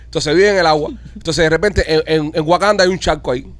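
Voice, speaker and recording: A man's voice: on the high side, quick pace, a bit bright, no echo. A man hosting a podcast, telling a story in a rambling, profane way with many restarts. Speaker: podcast host. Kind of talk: casual chat.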